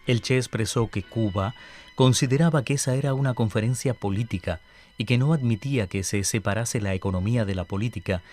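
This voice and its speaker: A man with a Cuban accent reading a scripted historical radio series in a measured, formal way. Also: medium pitch, a little mellow, soft background music. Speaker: radio announcer.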